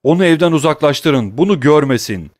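A man's voice: mid-range voice, brisk, no room sound, studio quality, lightly acted. A man voicing a frantic, grieving nobleman who calls out desperately for his son in an audiobook. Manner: anguished shouting.

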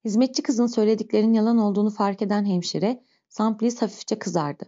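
A woman reads a novel aloud in slow, measured storytelling. Her voice is warm and mellow, with a middle pitch. The recording sounds dull and lo-fi. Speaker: narrator. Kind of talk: audiobook reading of a novel.

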